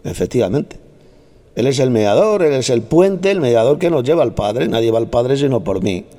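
This Bible teacher has a warm, mid-range voice and talks at a normal pace with plenty of animation. In a fiery debate over scripture, he lays out verses confidently and turns on his opponents with scolding and ridicule.

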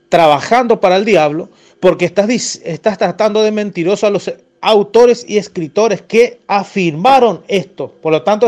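A preacher man with a noticeably high voice. He scolds and insists, repeating his points with stern conviction as he argues over scripture. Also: darkish tone. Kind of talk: heated Bible rebuttal.

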